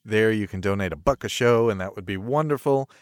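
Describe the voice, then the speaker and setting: A man with a buttery smooth voice hosting a podcast with casual, jokey banter. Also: fairly low pitch, brisk, no room sound, studio quality. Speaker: podcast host.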